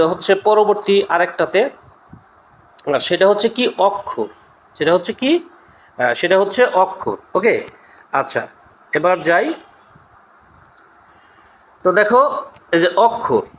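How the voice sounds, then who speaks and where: A man with a notably high voice gives a casual exam-prep lesson. He repeats each point and keeps checking that his students follow. The room rings with echo, and a faint hiss sits underneath. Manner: chatty, repeats points, asks "okay?" often.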